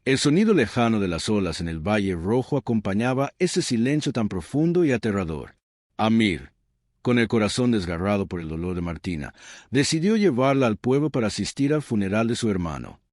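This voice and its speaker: A man narrating a sad story in a solemn, sorrowful, measured way. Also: on the low side, big pitch swings, darkish tone, no room sound, studio quality.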